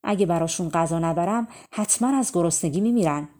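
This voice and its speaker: A woman's voice: on the low side, expressive, dark tone, lightly acted. A woman voicing a pleading wild bird. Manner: pleading, earnest. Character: wild birds, pleading mother creatures.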